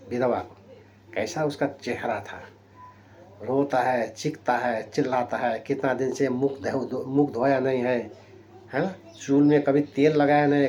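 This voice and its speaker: A man's voice: mid-range voice, a little mellow. A man preaching a sermon in a storytelling way, often checking in with tag questions and swinging his voice up and down for emphasis. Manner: rising and dropping sharply for emphasis, frequent tag questions.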